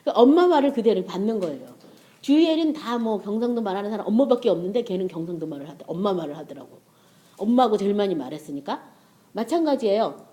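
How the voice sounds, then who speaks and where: A woman's voice: mid-range voice, mellow. A middle-aged woman preaching a sermon in a conversational way, often checking with her listeners.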